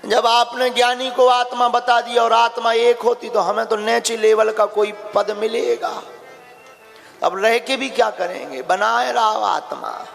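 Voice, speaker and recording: A man's voice: extremely high pitch, flat delivery, measured pace, creaky, a bit bright, long reverb tail, faint music behind, heavily acted. A man voicing a humble, devoted male devotee in a retold religious story, speaking in a pleading way.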